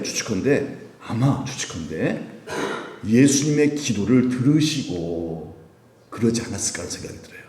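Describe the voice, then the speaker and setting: Animated male pastor preaching. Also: fairly high pitch, reverberant. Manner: animated preaching, rising to emphatic peaks, slow quoted scripture. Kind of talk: sermon. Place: church sanctuary.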